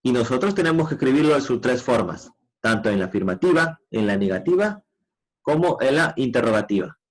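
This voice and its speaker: A man teaching a grade-school English lesson, patiently explaining grammar and modeling English sentences slowly. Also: medium pitch, expressive, low-quality recording. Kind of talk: online class explanation.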